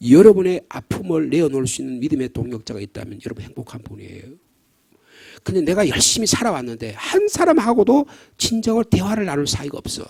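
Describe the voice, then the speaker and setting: A middle-aged male pastor delivers an early-morning sermon in a church sanctuary. His voice is husky and pitched a little high for a man. He swings between hushed, almost whispered lines and raised, fervent emphasis. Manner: leads the congregation in slow reading of hymn lines.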